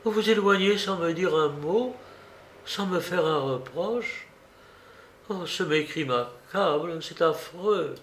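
A man's voice: on the high side, slow pace, long pauses, a little hiss or hum. A man voicing a desperate, tearful estranged wife who pleads theatrically in an audiobook reading. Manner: pleading, theatrical, sobbing outbursts. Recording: roomy echo.

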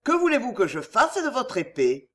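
A woman's voice: on the high side, wildly swooping pitch, normal speed, a bit bright, pitched above the performer's own voice. A woman voicing a tall, lazy, foppish English nobleman who talks in a languid, yawning drawl. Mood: mocking.

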